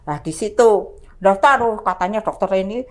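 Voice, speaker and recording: An older woman with a Javanese accent speaks at medium pitch and a normal pace. She is a cancer survivor appearing as a guest on a hospital podcast, recorded in its studio, and she tells her emotional story with animation, often laughing as she goes.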